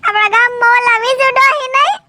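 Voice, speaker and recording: A woman's voice: very high voice, fairly quick, noisy background. A tender-hearted village girl. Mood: tearful. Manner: pleading, sympathetic, chatty. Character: soft-hearted young village woman. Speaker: Kajal, a village neighbor.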